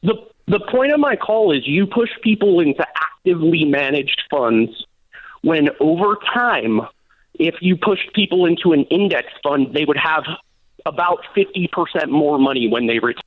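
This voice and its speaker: A blunt, combative radio show caller in his thirties comes through a narrow, tinny phone line. His voice sits a little high. The line is dry, with no room sound around him. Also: animated, normal speed, dry recording. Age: 30s.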